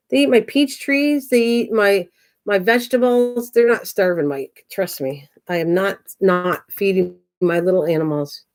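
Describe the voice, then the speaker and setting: With a mid-range, slightly mellow voice, a woman in her sixties runs a craft livestream. She's chatty and wanders from topic to topic, responding to commenters by name.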